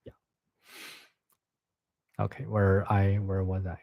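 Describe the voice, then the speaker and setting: This Chinese man, a native Chinese speaker, hosts a livestream where he chats casually and reads a novel aloud. His low, gravelly voice stays monotone, and he halts, repeats words and restarts. The sound is dry, with no echo, and has phone-like quality.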